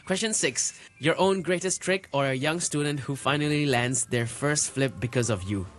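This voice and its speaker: A man's voice: fairly high pitch, moderate pace, fairly bright tone. Guy cohosting a podcast, reads quiz questions, short reactions. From Hong Kong. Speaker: podcast co-host. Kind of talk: podcast interview hosting.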